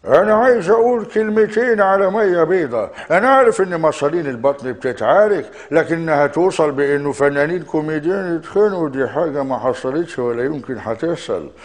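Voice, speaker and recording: A man's voice: a little high, fast, hardly any pauses, in a large hall. Egyptian man, mock-serious. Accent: Egyptian Arabic. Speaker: stand-up impressionist guest.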